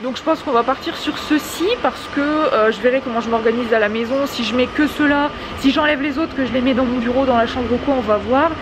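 A young woman with a fairly high voice chats casually to a handheld camera while out shopping. She speaks through a face mask, slightly muffled, with clear ambient noise around her. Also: brisk, hardly any pauses. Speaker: vlogger. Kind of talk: casual shopping vlog chat. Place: car, then large busy discount store. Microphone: handheld camera at arm's length. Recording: clear background noise, store and vehicle ambience.

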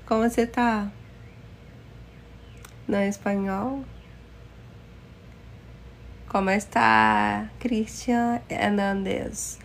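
A Brazilian-accented woman from the Amazon region chats live with her viewers. Her voice sits a little high, and she talks at an unhurried pace. She greets viewers one at a time and drifts between Portuguese and shaky Spanish. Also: gravelly, a little hiss or hum. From Manaus, Amazonas, Brazil. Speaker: livestream host. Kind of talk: casual live chat with viewers.

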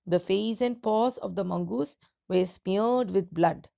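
A woman's voice: medium pitch, dark tone. A woman teacher reading a story aloud to her students and explaining the meaning of its words. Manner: slow, deliberate, clear reading with pauses between phrases.

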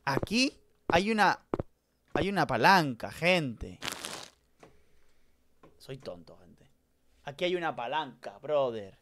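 A man streaming a horror game live, talking to his chat and swinging between mutters and loud outbursts. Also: a little high, sing-song, slow, pauses often. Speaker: gaming streamer. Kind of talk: live let's-play commentary.

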